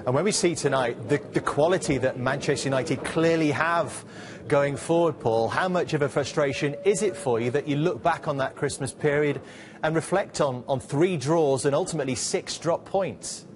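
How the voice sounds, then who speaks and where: A man working as a pitchside reporter, briskly asking long, detailed post-match questions. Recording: noisy background.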